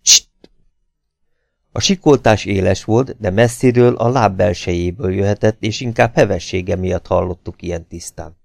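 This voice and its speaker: Brief: male narrator, low warm tone, dry close sound, measured dramatic reading. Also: creaky, dry recording. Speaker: audiobook reader. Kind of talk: scripted narration.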